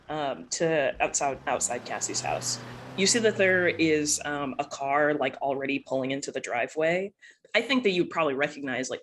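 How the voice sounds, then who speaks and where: A woman with a notably low voice running a tabletop role-play as game master. She narrates casually and hesitantly, padding her lines with fillers. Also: fairly bright tone.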